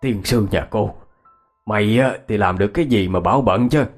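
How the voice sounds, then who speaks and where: A man voicing a gruff old village man who teases bluntly in a storybook reading. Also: lowish voice, moderate pace, soft background music, close to an everyday voice. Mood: teasing. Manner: blunt, scolding in jest.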